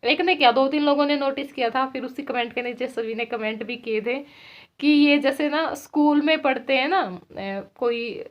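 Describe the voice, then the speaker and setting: A woman's voice: high-pitched, moderate pace. Chatty village vlogger woman, lo-fi. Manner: chatty, laughs often. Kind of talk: casual chat to viewers. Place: village home. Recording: dull lo-fi sound.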